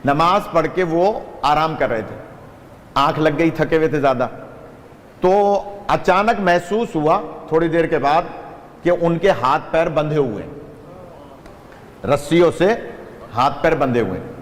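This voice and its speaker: Slightly high-voiced male preacher, lively storyteller, long hall reverb. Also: long pauses. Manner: lively narration with audience asides. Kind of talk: sermon storytelling.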